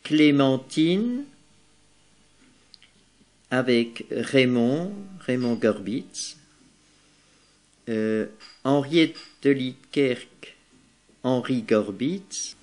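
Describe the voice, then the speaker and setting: An older man recalling his hidden childhood, listing names in a measured way. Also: mid-range voice, expressive, darkish tone. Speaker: interviewee, former hidden child. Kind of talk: recalled testimony.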